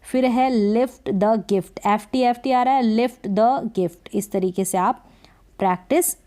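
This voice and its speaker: A woman's voice: fairly high pitch, unhurried, warm tone. A woman teaching beginner English reading, patiently sounding out each part of a word before saying it whole. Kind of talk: phonics lesson for beginners.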